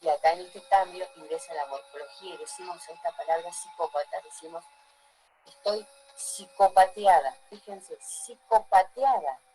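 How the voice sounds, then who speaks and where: A woman's voice: deep voice, fairly even intonation, brisk, hardly any pauses, warm tone, soft background music, rough recording. Woman teacher lecturing a class. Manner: asks the class frequent check-in questions.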